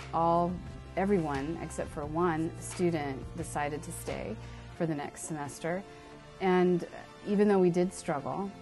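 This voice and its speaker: A woman teacher with a low voice speaks in a reflective, measured way. Soft music plays behind her. She is giving a documentary interview. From San Diego, California. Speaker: writing teacher. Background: background music.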